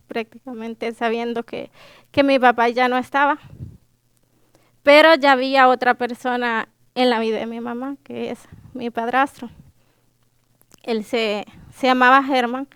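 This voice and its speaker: A young woman with a Salvadoran accent recounts her life in a high, clear, smooth voice, speaking slowly. She hesitates often with fillers and restarts, emotional and fighting back tears. The sound is close and dry. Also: dry recording. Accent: Salvadoran Spanish. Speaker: guest sharing her life story. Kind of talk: personal testimony.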